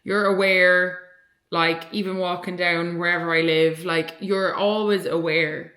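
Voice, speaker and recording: A young woman with an Irish accent talks in a loose, rambling vlog style, full of "like" and "you know". Her voice sits a little low, and the room around her is echoey. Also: fairly even intonation, a little slow, fairly bright tone. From Ireland. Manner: chatty, rambling, lots of "like" fillers. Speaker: vlogger and online coach. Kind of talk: casual vlog chat. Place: at home, indoors.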